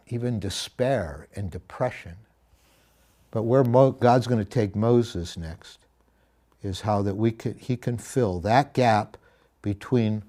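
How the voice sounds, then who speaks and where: A man's voice: on the low side, dark tone. A middle-aged man teaching a Bible study in an earnest, reflective, conversational way, with frequent asides and self-corrections.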